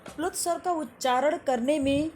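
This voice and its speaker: Casting: woman teacher, high voice, patient and repetitive, faint hiss behind. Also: darkish tone. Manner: repeats each definition slowly, asks and answers own questions. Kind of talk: classroom lesson to children.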